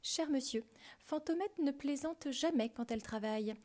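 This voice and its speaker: A woman voicing a brave, clever teenage girl heroine in a storybook reading, brisk and self-assured. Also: high voice, darkish tone, pitched above the performer's own voice, lightly acted.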